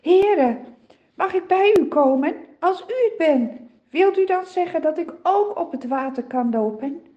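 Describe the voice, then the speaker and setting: A woman's voice: very high-pitched, animated, a little slow, dull audio, voice pushed up. A woman voicing Peter, an eager, impulsive disciple, in a children's Bible story. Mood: pleading.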